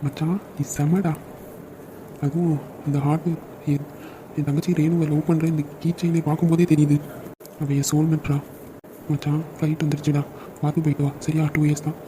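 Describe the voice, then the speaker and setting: A man's voice: a little high, little pitch movement, warm tone, a little hiss or hum, lightly acted, low-quality recording. A man voicing the young men of a family in a cartoon drama, brotherly and joking in manner. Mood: emotional. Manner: brotherly, joking, quick-talking.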